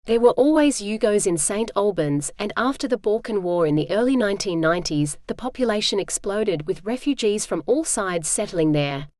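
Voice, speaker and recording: A synthetic woman's voice reading a first-person audiobook in a steady, even manner. She has a middle pitch, and the sound is dry and close with no room around it. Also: moderate pace, hardly any pauses, no echo. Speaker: audiobook narrator. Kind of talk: scripted first-person narration.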